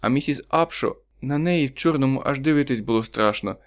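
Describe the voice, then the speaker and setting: A man's voice: mid-range voice, a little fast, natural voice. A man reading an audiobook, voicing a desperate poor husband, tense and pleading.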